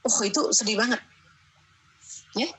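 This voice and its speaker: A middle-aged woman giving a lively parenting seminar, acting out mothers scolding and coaxing their children. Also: on the high side, unhurried, low-quality recording. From Indonesia.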